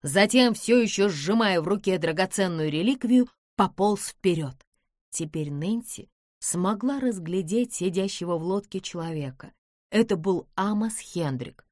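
A woman's voice: medium pitch, lively intonation, a little slow, dry recording. Woman narrating an audiobook, dry close sound. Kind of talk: scripted narration.

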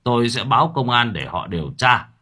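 A man's voice: mid-range voice, lively intonation, a little fast, pushed and bright. A man voicing a stern older village head who speaks in a firm, questioning way. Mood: commanding.

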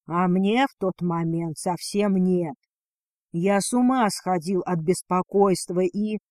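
A woman reading a storybook, voicing a strong, tender male dragon husband in a husky, breathy murmur. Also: fairly low pitch, slow, a little mellow, no room sound.

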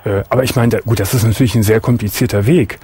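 A man hosting a late-night call-in radio show, asking calm, probing questions with hesitant restarts. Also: fairly low pitch, fast, slightly rough. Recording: radio broadcast.

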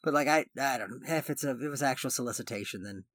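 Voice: medium pitch, fast talker, a bit bright, no echo. Dry-sounding opinionated podcast co-host. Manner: opinionated, rambling asides. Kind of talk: casual chat.

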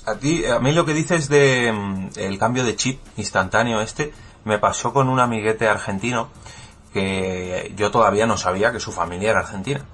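A man's voice: lowish voice, normal speed, a bit bright, slightly rough. A man from Spain with a Spanish accent, telling a story in a casual conversational way. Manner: anecdotal, conversational. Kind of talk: casual chat.

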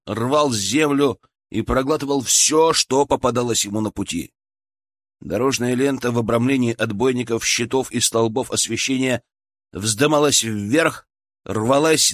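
Casting: male audiobook narrator, measured and dramatic, dry close sound. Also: mid-range voice, no echo. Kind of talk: scripted narration.

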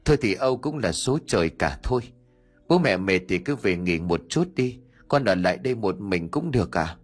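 A man's voice: lowish voice, expressive, normal speed, slightly rough, soft background music. A man voicing a naive young husband who speaks in a soothing, choked-up way, in an audio story. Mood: soothing grief.

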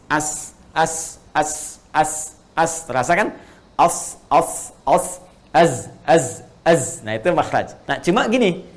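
Casting: male recitation teacher, patient, mid pitch, explains step by step. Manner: patient, explains slowly with many "ya" and repeated sounds. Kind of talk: online tajwid lesson.

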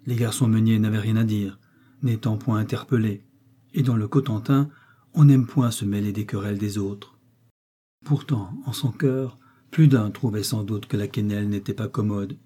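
A man reading a classic novel aloud as an audiobook narrator, in a measured, even storytelling manner. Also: fairly low pitch, slightly rough. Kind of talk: scripted literary narration.

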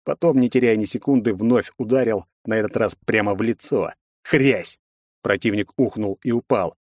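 A man narrating a first-person fantasy audiobook in a measured storytelling manner. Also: fairly low pitch, a little mellow, no room sound, studio quality.

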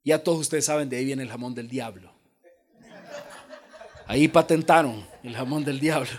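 A pastor from El Salvador preaching a lively sermon, joking and acting out the voices in the story. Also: male voice, medium pitch, moderate pace. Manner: animated preaching with jokes and acted-out voices.

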